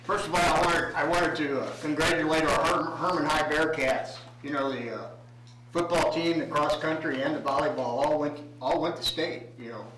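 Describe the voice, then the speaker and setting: Echoey, halting American man chairing a meeting. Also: on the high side, steady tone. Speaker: mayor chairing a city council meeting. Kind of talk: formal meeting address, plainly spoken report. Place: indoor city meeting room. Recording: echoey room, distant mic, faint hum.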